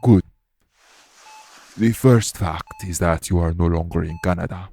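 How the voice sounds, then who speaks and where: A heavily acted performance from a male voice actor: he plays a low, gravelly-voiced official of a secret organization addressing the listener in an audio roleplay. The tone is dark and mellow, and the delivery stays formal, calm, measured and matter-of-fact.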